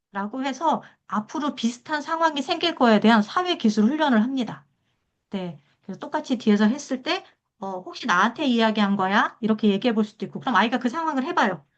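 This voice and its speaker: A middle-aged woman giving a public lecture on drama therapy counseling, explaining the method step by step and acting out short exchanges as she goes. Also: a little high. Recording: dull lo-fi lecture recording.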